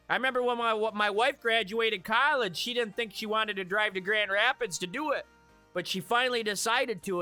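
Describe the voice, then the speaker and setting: High, bright-voiced chatty man streaming. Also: smooth. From Michigan. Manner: chatty, laughs at his own jokes. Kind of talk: live stream chat with viewers.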